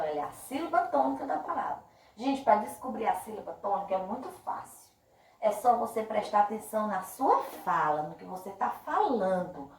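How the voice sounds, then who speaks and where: A woman teacher with a Brazilian Portuguese accent speaks in a fairly high voice that rises and falls a great deal. She stretches each word out slowly and talks to the children with warm, affectionate diminutives. The sound is echoey and comes from some distance away from the microphone. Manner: slow, drawn-out emphasis on words. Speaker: primary school teacher. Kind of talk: remote class video lesson.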